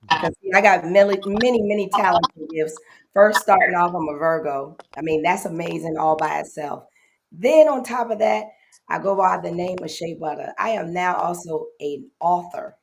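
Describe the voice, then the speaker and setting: A woman's voice: fairly low pitch, measured pace, gravelly, a little hiss or hum. A woman MC and author giving a showy self-introduction, emphatic and boastful, repeating her phrases.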